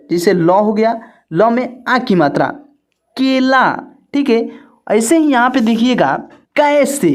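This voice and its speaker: A woman teaching beginners to read, saying each letter and sign slowly and repeating it, with frequent check-ins. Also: fairly high pitch, a little mellow. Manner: slow, repetitive, checks in often. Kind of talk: slow beginner alphabet lesson.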